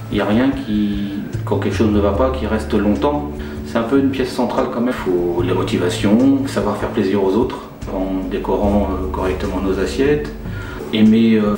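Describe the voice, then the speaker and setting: A man in his forties from Nantes in western France talks casually and plainly about his work as a care-home head chef during an interview. His lowish voice sounds distant and off-mic in a roomy space, sitting beneath clearly audible music.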